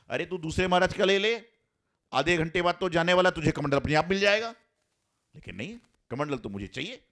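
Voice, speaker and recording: Jain monk giving a lively sermon. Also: male voice. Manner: storytelling, acts out quoted lines with rising pitch and force; repeats key phrases for emphasis.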